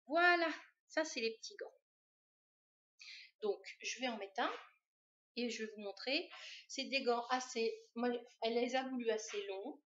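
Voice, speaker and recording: A woman hosting a knitting podcast, showing her projects in a chatty, hesitant way with many fillers. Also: fairly high pitch. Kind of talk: casual show-and-tell chat. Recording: dull lo-fi sound.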